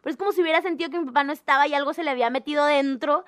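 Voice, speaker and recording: A young woman, telling a personal story in a casual, animated and dramatic way. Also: sits high, rapid-fire. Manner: animated, dramatic, acts out the voices in her story.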